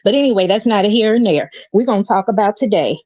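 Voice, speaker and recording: A woman's voice: mid-range voice, lively intonation, quick pace, darkish tone, no echo. A woman calling in on a phone line that fades in and out, giving blunt opinions and calling people "baby". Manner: opinionated, says "baby" to her listeners. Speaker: caller. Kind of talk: live call-in commentary. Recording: dull, dry phone line.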